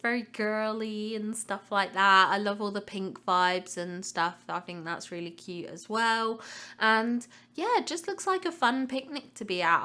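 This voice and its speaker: A woman's voice: mid-range voice, sharp tone, clean tone. A woman hosting a casual video review, slightly sniffly with a cold, gushing with praise as she comments. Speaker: channel host.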